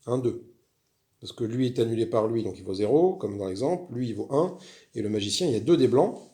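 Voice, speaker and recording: Casual male host, chatty and rambling, slightly gravelly voice. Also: mid-range voice, animated, a little fast, warm tone. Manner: chatty, rambling, frequent restarts and fillers. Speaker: board game video host. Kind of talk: casual solo game walkthrough.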